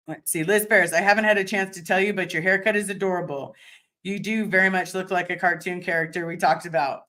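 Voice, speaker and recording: A deep-voiced woman, a bit bright and slightly hoarse today, hosts a casual livestream and answers viewer chat. She rambles, often restarting and repeating words.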